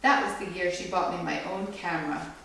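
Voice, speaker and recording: A woman with some creak in her voice gives an expressive read-aloud of a children's story, her tone steady, bright and forceful and her pace brisk, though a low-to-average pitch isn't required. A mic well across a very echoey room picks her up along with faint noise.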